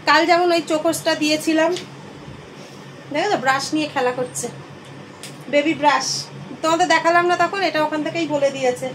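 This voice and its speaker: A woman's voice: high voice, steady tone, brisk, long pauses, a bit bright, slight background noise. A middle-aged woman chatting casually to her viewers in a home vlog, filmed on a phone camera indoors, cooing at her pet now and then. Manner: chatty, addresses viewers as friends, coos at pet. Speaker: vlogger.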